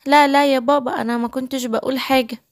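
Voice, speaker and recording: An eager young girl, played by a woman, chatters in a lively, fairly high Egyptian Arabic voice. She is the heroine of a children's storybook cartoon. The sound is dry and close. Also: fast, no echo, close to an everyday voice.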